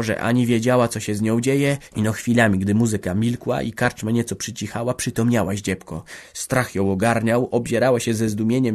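Low-voiced male audiobook narrator. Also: a little mellow. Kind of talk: scripted literary narration.

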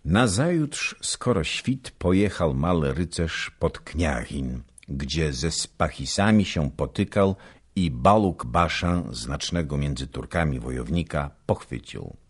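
Deep, husky, unhurried male narrator. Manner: unhurried, expressive reading. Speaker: audiobook narrator. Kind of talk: scripted literary narration.

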